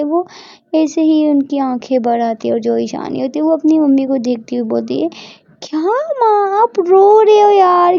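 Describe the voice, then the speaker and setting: Woman storyteller with a high gravelly voice. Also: warm tone, no room sound, muffled recording. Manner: recounting, repeats "jo hamari... hoti hai". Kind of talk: storytelling narration.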